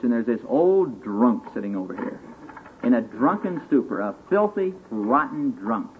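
This is a live sermon from a church retreat, where a preacher addresses a seated group in a folksy, conversational style, weaving in stories and questions for the audience and occasionally rising to booming calls to action. The recording is old, thin-sounding and band-limited, with audible hiss.

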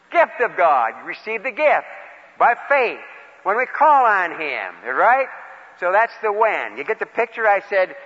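A man preaching in a folksy, plain-spoken way, mixing questions to his listeners with personal storytelling in short phrases. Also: sits high. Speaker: preacher leading a Bible lesson. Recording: dull, reverberant large-hall recording.

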